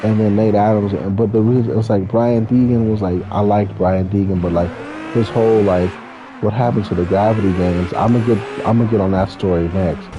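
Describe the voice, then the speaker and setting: A Californian man in his 30s tells stories in a casual, rambling, slangy way, swearing now and then. His voice is on the low side, brisk and fairly even in intonation, in a muffled, noisy recording with racing game car engines behind him.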